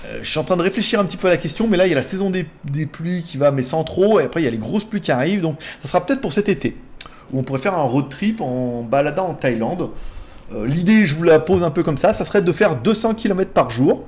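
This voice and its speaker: A man's voice: fairly high pitch, expressive, fast, a little mellow. A man hosting a casual question-and-answer vlog, chatty and rambling, with many fillers and restarts. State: tired. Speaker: YouTube tech host.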